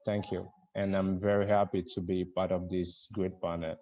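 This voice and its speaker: Ivorian man, lowish voice, polite. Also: flat delivery, moderate pace, warm tone. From Ivory Coast. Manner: polite, with fillers. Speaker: environmental group founder, panelist. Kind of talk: online panel introduction.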